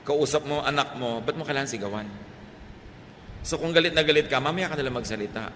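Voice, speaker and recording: A middle-aged Filipino man preaching a sermon, shifting between Tagalog and English and swinging from loud emphasis to soft, quiet lines. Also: medium pitch, fast, a little hiss or hum. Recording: reverberant hall, faint ambience.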